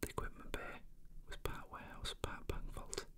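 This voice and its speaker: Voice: moderate pace, sharp tone. A person reading a novel aloud in an unvoiced whisper, as ASMR narration. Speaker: reader.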